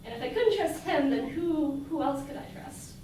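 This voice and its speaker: A woman's voice: high voice, expressive, normal speed, warm tone. A young woman telling a personal story before a live audience, chatty, with many filler words and frequent laughter. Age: young adult. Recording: echoey hall, mic from a distance, noisy.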